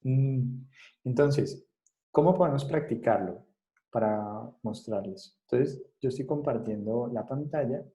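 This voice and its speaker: A man teaches a class online over a video call. His voice is dark and mellow, and he speaks slowly. He stops and restarts often and keeps checking in with short questions. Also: medium pitch, low-quality recording. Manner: halting, with many fillers and restarts. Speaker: psychology lecturer.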